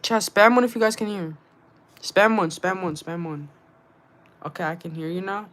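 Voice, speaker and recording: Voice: mid-range voice, normal speed, fairly bright tone. A young streamer chatting casually to viewers in slangy bro-talk, repeating short phrases over and over. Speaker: live streamer. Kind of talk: casual livestream chat with viewers about game trading.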